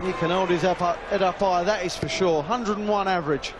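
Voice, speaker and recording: A man's voice: sits high, brisk, crowd noise, background noise. A man giving live darts commentary in emphatic, short punchy phrases.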